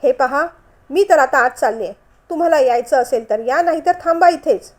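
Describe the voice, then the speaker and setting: A woman's voice: high-pitched, normal speed, natural voice. A woman voicing a chatty, complaining middle-aged woman in a storybook reading. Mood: fussy.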